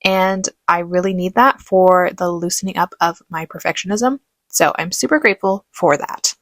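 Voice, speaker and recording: A woman giving relaxed voice-over commentary on her painting tutorial, chatty and self-aware. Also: on the low side, moderate pace, no room sound. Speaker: art tutorial host.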